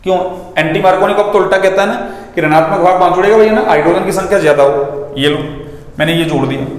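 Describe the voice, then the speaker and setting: A man's voice: high-pitched, quick pace. A man teaching a chemistry lesson in a chatty classroom style, asking questions and answering them himself. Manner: conversational, full of rhetorical questions and "ना" tags. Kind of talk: classroom lecture. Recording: very echoey room with long reverb.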